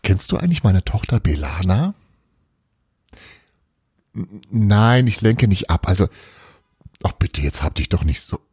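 Brief: a flighty, scheming old witch mother, sly and teasing, husky, voiced by a man. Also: on the low side, big pitch swings, measured pace, pauses often, a little mellow, no room sound, clean studio sound, exaggerated voice. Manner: sly, teasing, sprinkles Italian words.

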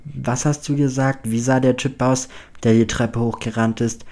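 Anxious earnest teen boy, read by a man, ordinary mid pitch. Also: fairly even intonation, moderate pace, darkish tone, natural voice. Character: anxious teenage boy, easily led.

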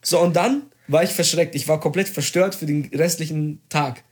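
A young man in casual chat, telling a story with excitement, slang and swearing. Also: on the high side, normal speed.

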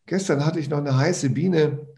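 A man's voice: a little high, normal speed, vocal fry, mellow. A man voicing a cheeky, carefree squirrel in a spoken fable, chatty and crude. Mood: grumbling.

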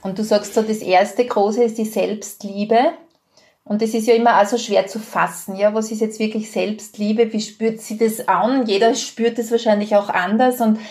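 A woman, interviewing gently with follow-up questions. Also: medium pitch, fairly even intonation, moderate pace. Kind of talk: conversational interview.

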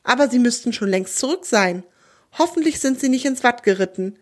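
A woman's voice: fairly high pitch, normal speed. A woman voicing an anxious father in a children's storybook, urgent and worried. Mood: panicked. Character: panicked adult father searching for his child.

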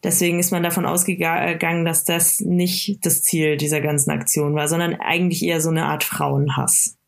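Woman kinda low voice telling her own story, lots of ums and restarts, casual chat. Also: flat delivery, creaky. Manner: halting, many fillers and restarts. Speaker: interview guest.

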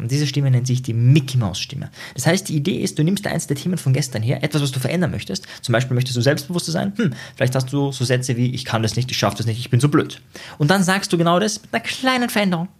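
A male psychologist giving a motivational self-help lesson in a slightly husky, mid-pitched voice. He speaks directly to the listener and checks in often with short tag questions. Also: expressive, quick pace, few pauses, a little mellow. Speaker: psychologist and coach.

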